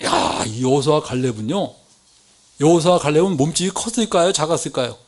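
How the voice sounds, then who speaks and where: A man preaches a Sunday sermon in a church, with a voice that sits high. He tells stories, puts questions to the congregation and acts out quoted lines with wide swings in pitch. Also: fairly quick. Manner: lively storytelling, asks the congregation questions. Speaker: lay preacher.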